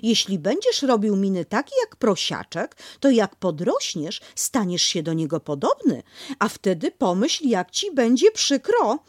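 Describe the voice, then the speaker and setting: A woman voicing a motherly female kangaroo who talks slowly, doting but firm, in a storybook reading. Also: mid-range voice, wildly swooping pitch, no echo, clean studio sound, pitched above the performer's own voice. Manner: slow, doting, bossy.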